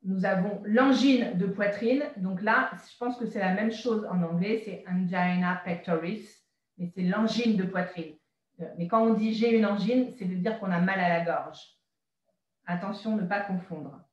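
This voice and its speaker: A woman teaching vocabulary slowly, repeating each word and adding short hesitant asides. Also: mid-range voice, roomy sound, highs cut off. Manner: repeats words twice, adds short asides and hesitant fillers. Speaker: French teacher.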